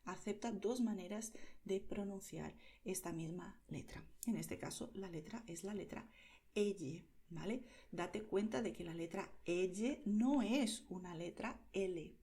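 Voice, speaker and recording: Unhurried and mid-range in tone, a woman from Madrid, Spain, leads a careful pronunciation lesson. She says the words for the learner, often quietly whispering them, and asks "¿vale?" again and again.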